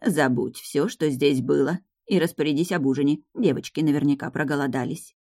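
A woman reading the part of a stern old grandmother who is a powerful high witch, speaking slowly and with command. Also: darkish tone, dry recording, studio quality. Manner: slow, measured, commanding.

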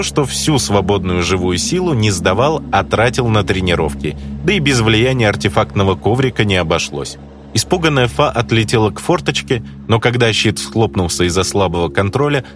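A man narrating a first-person audiobook in an expressive, storytelling way. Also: fairly low pitch, slight background noise.

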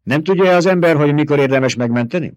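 A man doing a sharp, scornful desert warrior. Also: a little high, dry recording, clean studio sound, pitched above the performer's own voice, natural voice. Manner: sharp, mocking. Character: proud blunt male desert warrior, scornful.

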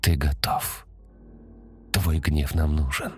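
A calm, commanding young woman speaks softly, as if soothing a frightened child, voiced by a male narrator. The voice sits extremely deep and low. It is an audiobook reading. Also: slow, slightly rough, faint music behind, heavily acted. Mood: hushed solemn. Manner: soft, hushed, solemn.

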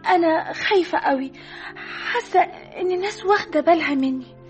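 A woman's voice: very high-pitched, a little fast, faint music behind. An actress voicing a shop mannequin that has come alive as a frightened young woman, speaking in a trembling, breathless way in a radio drama. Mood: anxious. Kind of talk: 1960s Egyptian radio drama acting.

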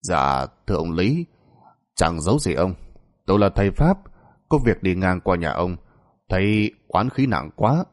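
A man voicing a solemn old male exorcist who speaks slowly and gravely in a spoken folk tale. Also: low-pitched, sing-song. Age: older.

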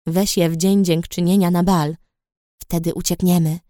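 Woman reading as a hushed, charming young man. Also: level tone, moderate pace, no room sound, studio quality, natural voice. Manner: hushed, low-key. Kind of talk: audiobook character voice.

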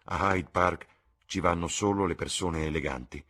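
A man playing a gruff brooding young man. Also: sits low, normal speed, fairly bright tone. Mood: sullen. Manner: blunt, grumbling.

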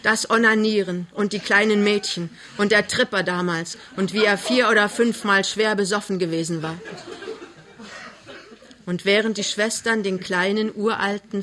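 A middle-aged woman reading a novel aloud and voicing the characters with feeling. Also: medium pitch. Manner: expressive, voices the characters with feeling. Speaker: narrator.

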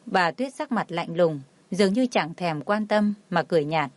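A woman's voice: on the low side, expressive, moderate pace, dry recording. A woman reading a dramatic family story aloud as a storyteller, voicing every part with little change to her voice. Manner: reads all the figures herself, barely changing her voice. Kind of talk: scripted narration.

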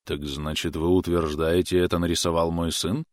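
A man voicing a calm, sly immigrant father in an audiobook, speaking in a dry, deadpan way. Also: deep voice, moderate pace, no room sound, close to an everyday voice.

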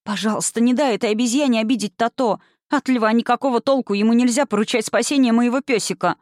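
A woman voicing a frightened young girl who pleads in a high, shrill voice. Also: quick pace, darkish tone, no room sound, clean studio sound, close to an everyday voice. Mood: pleading.

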